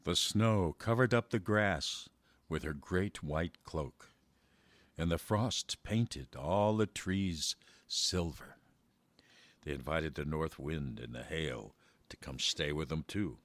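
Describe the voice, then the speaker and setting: A man reading a children's story aloud in a measured way, slowing down for verse. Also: a bass voice, fairly bright tone, no echo.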